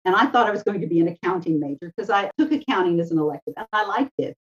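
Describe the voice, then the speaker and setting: Lower-pitched woman guest, slightly muffled. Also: expressive, fast talker. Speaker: interview guest, education adviser. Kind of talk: conversational, anecdotal interview talk. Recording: slightly dull, lo-fi sound.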